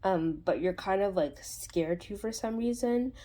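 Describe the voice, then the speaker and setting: A woman's voice: mid-range voice, a little slow, mellow. A woman hosting her own channel, giving a casual spoken tarot reading in a rambling way, full of fillers and restarts. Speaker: tarot reader and channel host.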